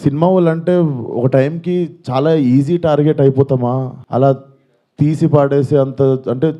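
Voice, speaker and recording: A man's voice: on the high side, steady tone, normal speed, mellow. A man, making an earnest, pleading statement at a press conference and repeating his points. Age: 20s. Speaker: film actor at a press meet.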